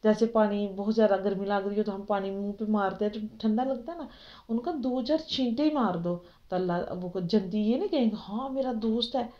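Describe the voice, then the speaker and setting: A woman with a Pakistani Urdu accent teaching children religion in an online class, often asking them questions to keep them involved. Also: mid-range voice. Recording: dull lo-fi audio.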